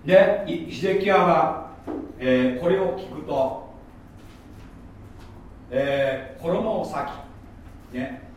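A man preaches in a loose, conversational way, his pitch leaping and dipping as he tells stories with mocking asides. He sits a bit high for a man. He is heard from some distance in a very echoey room, with a faint hum of background noise. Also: slow, long pauses. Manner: chatty, mocking asides, lively storytelling. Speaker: pastor. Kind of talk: sermon. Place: church hall.

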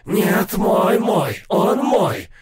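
A man's voice: fairly high pitch, very animated, breathy edge, full character voice. Man voicing eerie chanting ghost chorus. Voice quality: hushed, chanting, drawn-out. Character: eerie chorus of ghostly dead warriors' voices.

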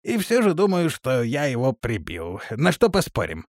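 An actor playing a brash, reckless male wizard-guard who shouts boisterously in a storybook reading. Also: medium pitch, wildly swooping pitch, normal speed, no room sound, clean studio sound. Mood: mocking.

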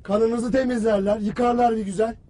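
An actor playing a stern male army commander who berates his soldiers in a harsh, shouting, cutting voice. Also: extremely high pitch, steady tone, normal speed. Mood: bitter. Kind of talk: film drama acting.

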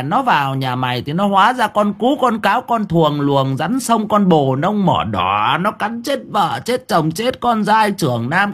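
A man voicing a shrill village wife who rains rhythmic, relentless curses on a chicken thief in an audiobook. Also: fairly bright tone. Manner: rhythmic, relentless folk cursing. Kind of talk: audiobook character voice.

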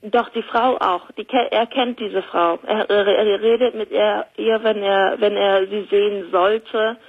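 A woman's voice: medium pitch, steady tone, unhurried, breathy edge. A woman in her mid-thirties from Germany, telling a personal story hesitantly as a caller to a talk show. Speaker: radio call-in guest. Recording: narrow tinny telephone line.

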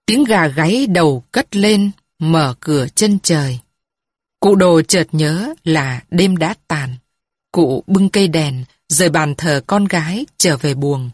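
Brief: woman storyteller, low voice, very slow, even scripted reading. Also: no room sound, studio quality.

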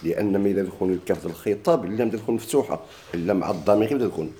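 Racing along in a deep, mellow voice, this Moroccan Arabic-accented teacher explains a grammar text to his class. He asks questions and supplies his own answers, repeating key words frequently.

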